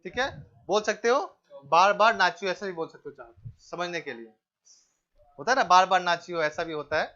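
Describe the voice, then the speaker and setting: Male teacher, lecturing a class, quizzing and repeating key words, high voice, dull lo-fi recording. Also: a little fast. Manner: asks the class questions and answers them himself, repeats key words; tells the class to keep quiet and pay attention.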